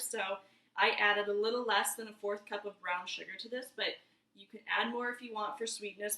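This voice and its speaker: In her twenties, this cooking vlogger has a mid-range voice that comes across bright and forceful. She's chatty and easygoing, walking viewers through each step of a casual demo in her home kitchen. The room gives off a roomy echo.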